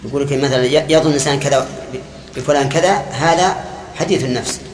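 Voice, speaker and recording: Older sheikh teaching in an echoey hall. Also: male voice, mid-range voice, fast talker. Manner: explains term by term, quizzes students, Gulf colloquial asides. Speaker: sheikh teaching hadith commentary. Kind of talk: classical lesson explaining a hadith. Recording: echoey hall, faint room hiss.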